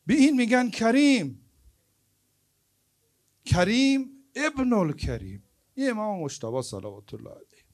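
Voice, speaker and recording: High-voiced male preacher, emphatic storytelling. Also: big pitch swings, pauses often. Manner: emphatic, swings between loud stresses and hushed asides. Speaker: preacher at a religious gathering. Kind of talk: storytelling sermon. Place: evening mourning gathering.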